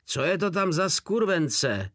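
A man's voice: medium pitch, animated, no room sound, clean studio sound, voice pushed up, close to an everyday voice. A man voicing a cold, contemptuous male soldier in an audiobook war story. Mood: shouting. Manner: coldly contemptuous, shouting.

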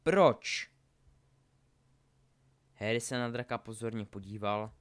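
A man narrating a storybook aloud in an expressive reading style. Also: mid-range voice. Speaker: audiobook narrator.

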